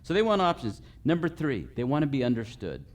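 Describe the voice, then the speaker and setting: A man stands before a live group and teaches customer service point by point. He numbers each item and keeps checking in with a quick "okay?" at mid pitch. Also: wildly swooping pitch. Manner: runs through a numbered list, checking in with frequent okays. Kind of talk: live training talk to a group. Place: meeting room with a live audience.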